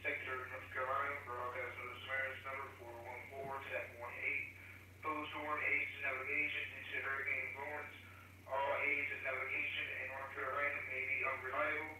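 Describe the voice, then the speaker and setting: A man reading a formal coast guard safety broadcast over marine radio, in a flat, rote delivery. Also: mid-range voice, fairly quick, pauses often, low-quality recording. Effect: marine VHF radio broadcast. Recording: radio transmission heard over a speaker.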